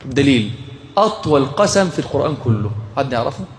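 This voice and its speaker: A man with an Egyptian accent giving an animated, joking religious lecture, often firing questions at his listeners. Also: medium pitch, fast, a little hiss or hum. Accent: Egyptian Arabic. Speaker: religious teacher. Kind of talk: lively religious lecture to a live group.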